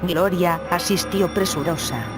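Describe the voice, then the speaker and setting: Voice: mid-range voice, measured pace, over music. Synthetic voice reading horror stories. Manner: even, steady synthetic reading. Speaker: narrator. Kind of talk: scripted horror story narration.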